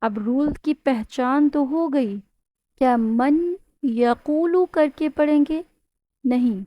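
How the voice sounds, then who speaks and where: A woman's voice: high-pitched, no echo, dull audio. A woman teaching a Tajweed lesson, explaining patiently step by step, asking her students questions and stretching out example words with a nasal hum. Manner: draws out demonstration words with nasal humming. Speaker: Quran recitation teacher.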